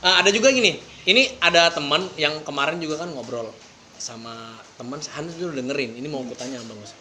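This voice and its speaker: A man's voice: a little high, brisk, pushed and bright, slight background noise. A man hosting a casual interview, asking rambling questions full of fillers. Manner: chatty, hesitant questions with many fillers. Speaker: podcast host.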